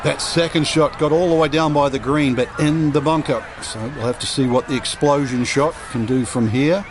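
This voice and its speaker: A man's voice: on the high side, moderate pace, lightly acted. A man voicing a frank, analytical golf commentator for a video game broadcast. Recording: clear outdoor background noise.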